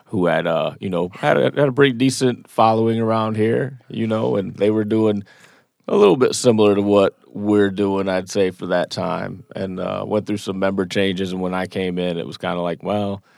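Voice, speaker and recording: A man's voice: on the low side, fairly even intonation, moderate pace, creaky, darkish tone, no room sound, studio quality. A man, a band member guest, talking in a laid-back, matter-of-fact way. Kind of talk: casual chat.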